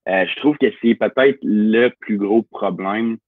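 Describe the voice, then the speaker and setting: A nineteen-year-old man gives his view on a panel. He talks casually and hedges his points, thinking aloud as he goes. His voice is low and husky, and it comes through a dry, tinny, phone-like line. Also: a little slow, dry recording. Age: young adult, 19. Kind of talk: panel discussion.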